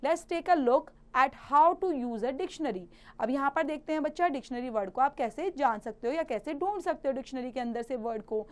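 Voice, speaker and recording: A woman with an Indian accent teaching a grammar lesson to children. She reads English slowly and carefully, then explains quickly in Hindi. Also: sits high, expressive.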